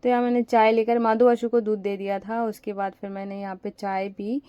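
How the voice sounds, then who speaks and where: A young woman home vlogger, feverish and weak, narrates her household chores in a chatty, rambling voice-over full of fillers. Her mid-range voice moves little in pitch and runs fairly quick, with a clear, resonant tone. The recording is dry and muffled.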